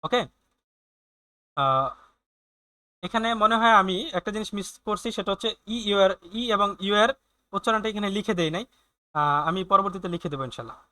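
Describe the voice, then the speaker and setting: Teacher: man, high bright voice, patient and halting, repeats sounds slowly. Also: animated, clear, resonant tone. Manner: hesitant, many fillers and restarts. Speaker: German language teacher. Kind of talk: online language lesson.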